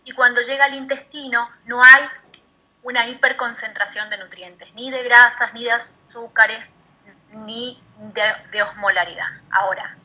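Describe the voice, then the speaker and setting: A woman's voice: on the high side, fairly even intonation, unhurried, pushed and bright, poor audio. A woman teaching a nutrition class online, explaining in a methodical way and repeating key terms.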